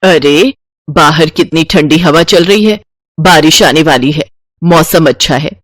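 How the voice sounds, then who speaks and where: A stingy, scheming mother-in-law, as a woman voices her in a cartoon story, bossing her household about every penny. Her voice sits low and sounds dry and close. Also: unhurried, no room sound. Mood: scolding. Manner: penny-pinching, scolding, bossy. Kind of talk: cartoon voice acting.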